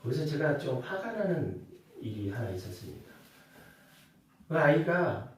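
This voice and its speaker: A man preaching a Sunday sermon as pastor, building to loud rhetorical questions and dropping back to quiet explanation. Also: fairly high pitch, big pitch swings, unhurried. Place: church sanctuary. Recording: very echoey church hall, mic at a distance.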